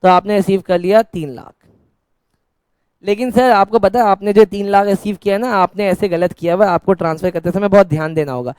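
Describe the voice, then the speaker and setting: A man's voice: sits high, fairly quick, darkish tone, clear, resonant tone, no room sound. A man teaching an accounts lesson in a classroom style, asking questions and answering them himself as if he were the students, with teasing, scolding banter. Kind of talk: classroom-style Hindi lecture.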